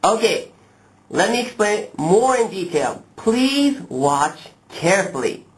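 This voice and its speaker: A man presenting a pronunciation lesson to learners, modeling speech slowly and with exaggerated, deliberate clarity. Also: sits high, very animated. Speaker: pronunciation teacher, lesson host. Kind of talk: instructional lesson to camera, addressing learners.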